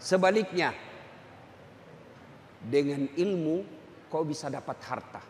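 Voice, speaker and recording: A man preaching a humorous sermon to a crowd, joking and swinging between loud and soft. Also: a little high, slow pace, a little hiss or hum. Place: large hall with an audience. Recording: echoey hall, faint ambience.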